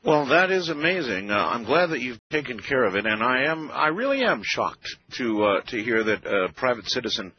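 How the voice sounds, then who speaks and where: A man hosting a late-night call-in radio show with a smooth radio-host delivery, relaxed and conversational, pausing on "uh" now and then. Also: medium pitch, no room sound. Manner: relaxed, conversational, with frequent "uh" pauses. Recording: muffled radio broadcast with faint music.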